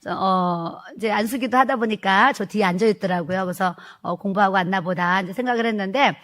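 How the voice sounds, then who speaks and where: A woman's voice: medium pitch, fairly quick, a bit bright. A middle-aged woman, a pastor's wife, retelling a church testimony in a sermon, acting out the quoted speech and laughing as she goes.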